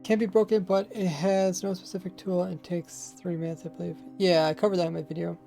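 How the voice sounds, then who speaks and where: A high-pitched, creaky, mellow voice with flat delivery and a slightly fast pace belongs to a man casually chatting through a Minecraft stream. He rambles with lazy, slightly mumbled pronunciation and a faint accent while faint music plays.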